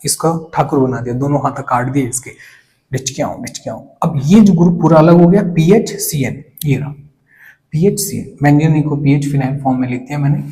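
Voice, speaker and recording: Casting: young male chemistry tutor, a bit high-pitched, mellow tone, quizzes the class and answers himself. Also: poor audio. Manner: asks questions to the class and answers them, with playful asides. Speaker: chemistry teacher. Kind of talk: whiteboard lecture.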